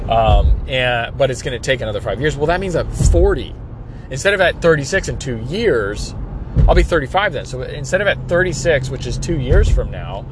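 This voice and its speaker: A man's voice: medium pitch, animated, moderate pace. A man in his thirties, a small business owner, rambling through his plans in a casual vlog with many fillers and restarts. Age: 30s. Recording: outdoor street noise.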